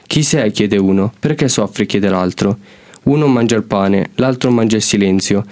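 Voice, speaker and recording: A man's voice: lowish voice, moderate pace. A teenage boy, a student, explaining his poem hesitantly and then reading it out. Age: teens. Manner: hesitant when talking, steady when reading. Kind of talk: poetry reading.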